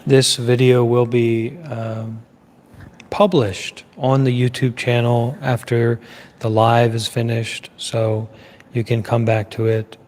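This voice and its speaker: A man giving a live Dhamma talk as a Buddhist teacher. He speaks in a measured way, repeating phrases in lists with pauses. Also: medium pitch, level tone, darkish tone, long reverb tail, slight background noise.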